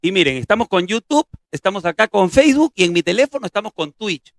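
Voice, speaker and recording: High-voiced man hosting casually, dry sound. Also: sing-song, fast, vocal fry, no room sound. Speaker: host of a live prank-call show. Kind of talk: casual live show chat.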